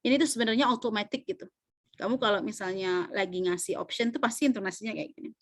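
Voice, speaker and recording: A woman's voice: medium pitch, quick pace, no echo, clean studio sound. A woman teaching English pronunciation in an online class, chatty, mixing languages and checking that students follow. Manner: switches between Indonesian and English, often checks students follow; chatty and loose, with many fillers. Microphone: video call.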